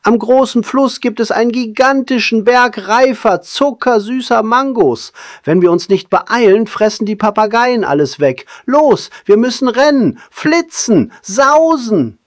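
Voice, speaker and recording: A man voicing a small, frantic male monkey in a screeching, hurried voice for a storybook. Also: expressive, dry recording, studio quality. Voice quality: shrill, screeching. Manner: hectic, urgent. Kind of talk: storybook narration.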